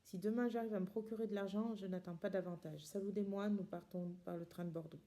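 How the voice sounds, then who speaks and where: A woman's voice: medium pitch, steady tone, a little fast, warm tone, natural voice. A woman reading the lines of a determined male refugee who speaks bluntly and insistently.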